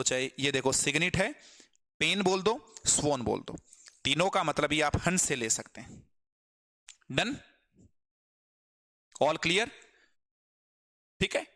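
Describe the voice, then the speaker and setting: A man with a Hindi accent teaches English grammar in a live online class. His voice is bright and a little high for a man, and he explains patiently, repeats each word and keeps putting questions to his students.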